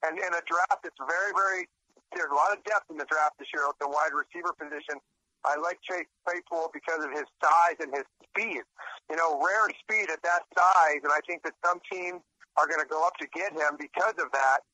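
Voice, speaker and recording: Brief Male sports radio co-host, measured and opinionated, crisp bright tone. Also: a little high, dry recording, low-quality recording.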